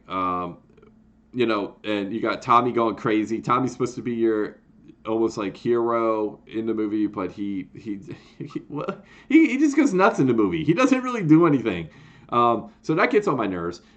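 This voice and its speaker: A man talks casually and excitedly to his viewers, rambling with lots of fillers and restarts. His voice sits at an ordinary middle pitch. The recording is a bit dull and lo-fi. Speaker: YouTube host ranking horror films. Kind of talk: casual chat to camera.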